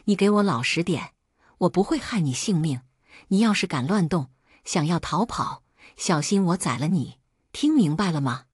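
A woman doing a gruff, menacing kidnapper. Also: fairly low pitch, lively intonation, moderate pace, dry recording, studio quality. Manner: threatening, gruff. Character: menacing male kidnapper, rough. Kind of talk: storytelling voice acting.

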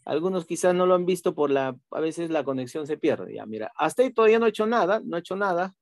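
A man teaching an online class, patiently walking through software steps, repeating himself and checking in with tag questions. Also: on the high side, expressive, fast talker, no echo, studio quality.

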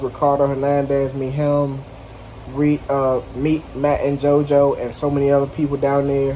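A man's voice: mid-range voice, dark tone, a little hiss or hum. A man running a junk removal business, talking loosely to camera outdoors at a house, with lots of fillers and slang. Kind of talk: casual vlog talk to camera.

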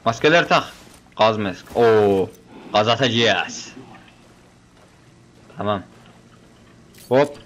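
Excitable young man commenting on gameplay. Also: fairly low pitch, slow pace, pauses often. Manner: excitable, joking, banters with game characters.

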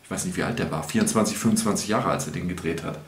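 A man's voice: low-pitched, racing. Guy in his 60s chatting about whisky at a table, rambly, echoey room. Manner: chatty, rambling with many restarts and fillers. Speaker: whisky review host. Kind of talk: casual chat. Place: home room with shelves.

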